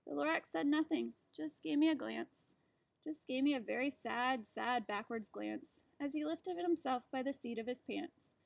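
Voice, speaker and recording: A teacher, a woman, reading a rhyming storybook aloud to children with an expressive, rhythmic delivery. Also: high voice, moderate pace, creaky, no echo.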